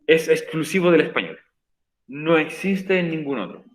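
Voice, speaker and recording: Guy teacher explaining grammar in a virtual class, patient, says things twice, kinda high pitched. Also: very animated, moderate pace, poor audio. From Chile. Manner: patient, repeats points for emphasis. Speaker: English teacher. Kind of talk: recorded online class explanation.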